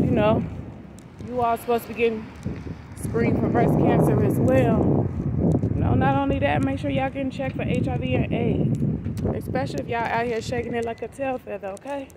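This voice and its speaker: A woman in her forties vlogging from her phone while she walks through a mall and then a parking lot, chatty and slangy. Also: on the high side. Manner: slow, chatty, slangy, talks straight to the phone while walking. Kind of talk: casual walking vlog chat. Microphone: phone held at arm's length. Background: background music, traffic and wind.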